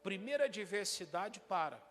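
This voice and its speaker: A male pastor preaching a lively sermon in a church, often asking the congregation questions and raising his voice for emphasis. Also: high voice, normal speed, long reverb tail, soft background music. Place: church hall.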